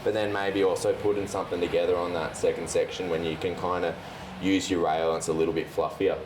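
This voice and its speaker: A man's voice: low voice, flat delivery, fast talker. A man with an Australian accent casually explaining his board review as a surf shop worker. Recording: roomy echo, faint background noise.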